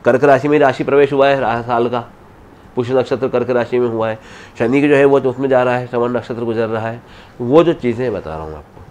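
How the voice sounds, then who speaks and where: A man with an everyday mid-range voice speaks as an astrologer being interviewed. He answers at length in a halting way, often cutting off words and starting again. His talk is unscripted and wandering. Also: medium pitch, a little mellow. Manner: halting, many restarts, explains at length. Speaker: astrologer guest.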